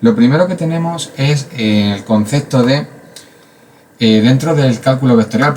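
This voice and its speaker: A man from Spain talks through a math lesson in a casual, chatty way, pausing on fillers and wandering into asides. His voice sits fairly low. A faint hiss runs under the recording. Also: a little mellow. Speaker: math teacher.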